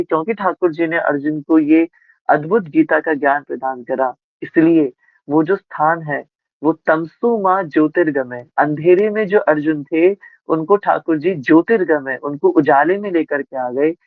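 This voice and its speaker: A man's voice: fairly high pitch, dry recording. A man giving a devotional discourse as a spiritual speaker, telling a scriptural story and asking his listeners rhetorical questions. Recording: tinny phone-like sound, dry.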